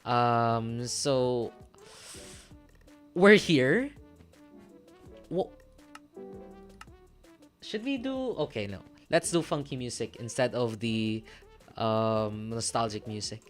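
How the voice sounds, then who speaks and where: A man in his twenties chatting casually while streaming a game, hesitant, with many ums and restarts. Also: mid-range voice. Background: faint game music.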